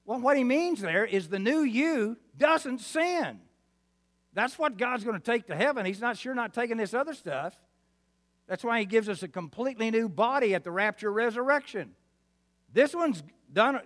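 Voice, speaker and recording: A male preacher in his seventies delivers a sermon in a West Texas twang. His voice sits high for a man and swings widely between hushed lows and emphatic peaks. He is folksy and calls for responses, with long hall reverb around him. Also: expressive, moderate pace. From Arkansas, New Mexico and West Texas, United States. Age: 70s.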